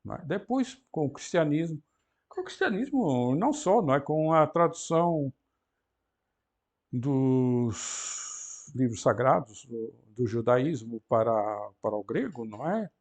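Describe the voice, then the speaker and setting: A man teaching an introductory Greek class, explaining pronunciation slowly and deliberately and often adding tag questions. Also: medium pitch, expressive, a little mellow. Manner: slow and deliberate, frequent "não é?" tag questions. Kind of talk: university lecture.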